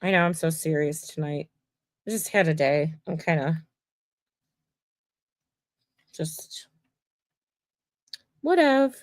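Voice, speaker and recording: A woman's voice: low voice, big pitch swings, measured pace, no room sound, studio quality. A woman mosaic artist hosting a livestream, chatting casually and rambling to viewers while she works. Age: adult. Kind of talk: casual chat while crafting.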